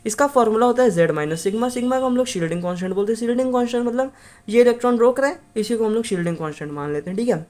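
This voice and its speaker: A woman's voice: fairly high pitch, expressive, racing, a little mellow. A woman tutoring for an exam in a casual explanatory lesson, chatty and checking in with listeners, sometimes correcting herself mid-sentence.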